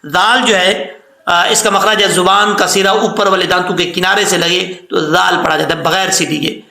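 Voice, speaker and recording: A patient male recitation teacher explains the rules and then stretches each phrase out slowly. His voice sits high and bright, and a gravelly rasp runs under it. The sound bounces around a roomy, echoey space. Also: fairly even intonation. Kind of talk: tajweed lesson with recitation.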